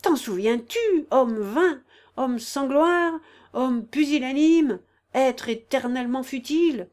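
A woman's voice: mid-range voice, animated, normal speed, darkish tone, close to an everyday voice. A woman voicing an imperious aging noblewoman who scolds and gives orders in a raised, emphatic voice. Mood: bitter, reproachful.

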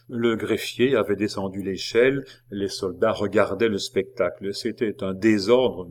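A man narrating a novel as an audiobook in a measured, dramatic reading with occasional hesitations. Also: on the low side.

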